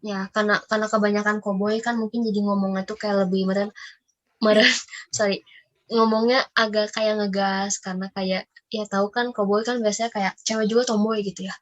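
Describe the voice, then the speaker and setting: A woman's voice: medium pitch, flat delivery, brisk, dull audio. A woman with an Indonesian accent hosting a casual podcast, talking in a chatty, rambling way with lots of fillers. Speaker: podcast host. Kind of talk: casual reaction chat.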